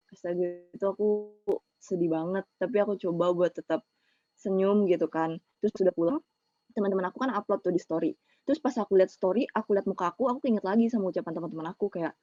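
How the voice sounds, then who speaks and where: A woman's voice: mid-range voice, dark tone, no echo. A young woman, telling an emotional personal story in casual slang for a webinar over a video call. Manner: emotional, confessional, Jakarta slang. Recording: muffled lo-fi online call audio.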